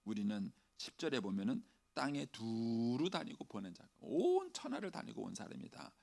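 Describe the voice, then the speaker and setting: A middle-aged male pastor preaching a dawn sermon, acting out pleading prayers in a raised voice and dropping to soft near-whispers. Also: medium pitch, huge pitch swings, normal speed, vocal fry.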